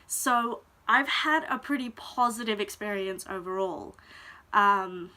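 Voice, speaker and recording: Slow, reflective young woman vlogger. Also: medium pitch, sharp tone. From Denmark. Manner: hesitant and reflective, pausing often to find words. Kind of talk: personal confessional vlog talk.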